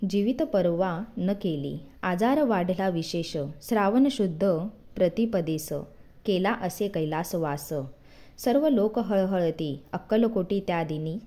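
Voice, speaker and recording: A woman reading a devotional scripture aloud, reciting it verse by verse in a measured cadence. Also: medium pitch, dark tone. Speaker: devotional reader.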